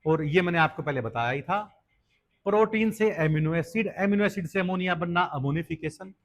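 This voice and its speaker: High-voiced male biology teacher. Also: moderate pace. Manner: explains step by step, asks students questions; mixes English terms into Hindi teaching. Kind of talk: exam-prep lecture.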